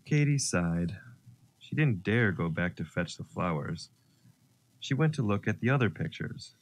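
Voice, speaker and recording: A man narrating a children's story, gentle and expressive. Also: low-pitched, a little slow.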